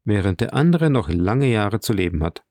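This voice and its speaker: A man's voice: fairly low pitch, big pitch swings, moderate pace, a little mellow, no room sound, clean studio sound. A man voicing a cool, detached aristocratic count in an audiobook reading. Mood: cold, knowing. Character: cold, composed aristocratic count.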